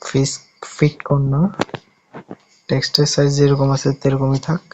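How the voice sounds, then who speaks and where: A man's voice: mid-range voice, completely flat delivery, moderate pace, dark tone, lo-fi sound, slight background noise. A man from Bangladesh talking through an app-building tutorial step by step in a casual way, often correcting himself as he goes. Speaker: tutorial host.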